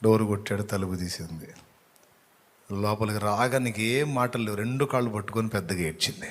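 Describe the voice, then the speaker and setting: Male pastor, lowish voice, sympathetic storyteller in a sermon. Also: fairly quick.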